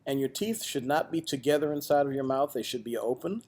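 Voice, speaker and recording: A man's voice: mid-range voice, lively intonation, fairly quick, darkish tone. A man, a music teacher, giving a direct step-by-step trumpet lesson to students on video. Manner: patient, direct, counts aloud with students.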